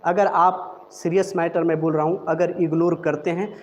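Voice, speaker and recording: A man teaching a live online spoken-English class, drilling letters and words slowly and carefully in front of a board. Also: on the high side, flat delivery, darkish tone, dull audio. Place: room with a board. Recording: long reverb, faint room noise.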